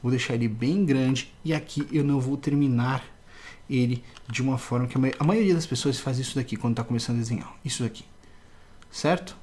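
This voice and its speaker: A man's voice: mid-range voice, brisk, darkish tone, slight background noise. A man teaching a casual drawing tutorial, explaining step by step and often checking in with the viewer.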